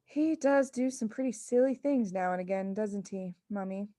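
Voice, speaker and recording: A woman voicing a composed, innocent-sounding little girl in a storybook, speaking softly and politely. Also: mid-range voice, no echo, clean studio sound, close to an everyday voice. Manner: soft, measured, polite.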